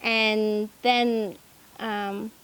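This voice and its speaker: A young Australian woman telling her story casually and hesitantly, with frequent ums and pauses. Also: mid-range voice, little pitch movement, fairly bright tone, smooth, low-quality recording. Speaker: charity founder.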